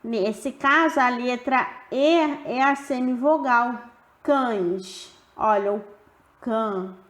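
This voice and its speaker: A woman teaching a grammar lesson with a high voice, drawing each example word out with care. Her delivery is slow and deliberate, and the sound rings off the walls of an echoey room. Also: a bit bright.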